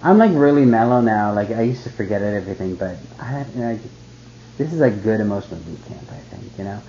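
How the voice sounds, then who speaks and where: A man's voice: on the low side, expressive, fast, warm tone. A man in casual chat who rambles and says "like" constantly. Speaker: cooking student. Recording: dull lo-fi sound with faint noise.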